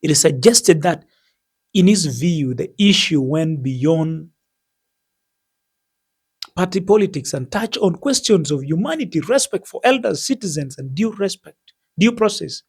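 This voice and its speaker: A man with a husky voice delivering scripted explanatory news commentary in a measured, formal, deliberate manner. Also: on the high side, expressive.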